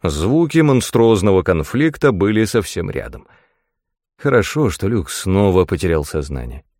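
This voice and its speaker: Low gravelly male audiobook narrator. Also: no room sound, studio quality. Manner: measured, expressive storytelling. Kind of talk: first-person fantasy audiobook narration.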